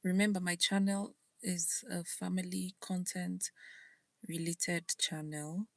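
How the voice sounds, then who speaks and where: A woman's voice: lowish voice, level tone, takes it slowly, gravelly, no echo. A woman hosting her own live stream, chatting casually and telling a story with occasional laughs about parenting. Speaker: channel host.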